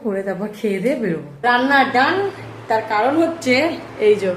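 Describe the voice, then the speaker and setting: Chatty fast-talking woman vlogger. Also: mid-range voice, echoey room, slight background noise. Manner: chatty, talks straight to viewers. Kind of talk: casual vlog chat. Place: home.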